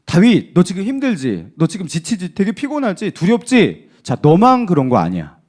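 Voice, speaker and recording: A man voicing a caring young prince who comforts a weary friend with gentle questions. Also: high voice, wildly swooping pitch, normal speed, full character voice. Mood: reassuring.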